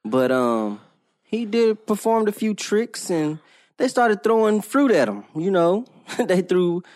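A man's voice: high-pitched, sing-song, takes it slowly, a little mellow. Man arguing his point in casual chat. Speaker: podcast co-host.

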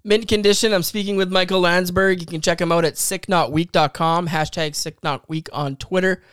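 A man's voice: high-pitched, steady tone, normal speed, a bit bright, clean tone, no echo, clean studio sound. A man hosting a podcast interview, chiming in with brief supportive remarks. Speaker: podcast host. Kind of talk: casual interview.

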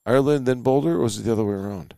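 A man's voice: medium pitch, very fast, creaky, mellow, dry recording, studio quality. A man guesting on a casual podcast chat, joking, rambling and swearing freely.

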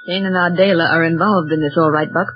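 A woman playing a caring, resolute space lieutenant, gentle but firm, in the style of an old radio adventure serial. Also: on the low side, fairly even intonation, quick pace, lightly acted. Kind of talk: 1930s-40s radio serial acting. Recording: dull old radio recording, music.

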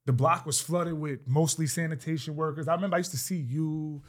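A man's voice: fairly high pitch, fairly even intonation, fairly quick. A man hosting a podcast, asking questions in a casual, slangy way. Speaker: podcast host. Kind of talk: casual conversation.

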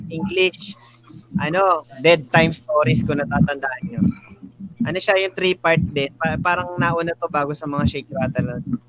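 A man with a slightly higher voice chats as a guest, pausing often as he fishes for half-remembered titles. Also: fairly bright tone, rough recording. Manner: searching memory, many "ano" fillers. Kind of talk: casual podcast chat.

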